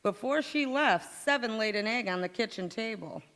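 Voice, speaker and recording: On a community theatre stage in a big, reverberant hall, a woman acts out an old-time radio sitcom role: a hapless housewife undone by a kitchen catastrophe. Her voice is a little high and fairly bright, expressive and at an ordinary pace. She mixes deadpan retorts with flustered wails, sounding frazzled yet dry.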